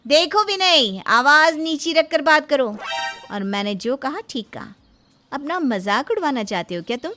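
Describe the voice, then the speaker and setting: Narrator as an arrogant young lady officer, curt and haughty, high voice. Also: very animated, normal speed, faint music behind.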